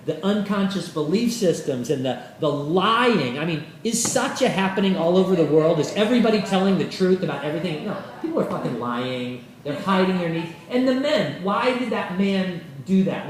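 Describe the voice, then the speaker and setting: Animated man lecturing in an echoey room. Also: sits high. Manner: animated, acts out quoted voices, swears casually. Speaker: yoga teacher. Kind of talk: informal lecture to a class. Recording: roomy echo from a far mic.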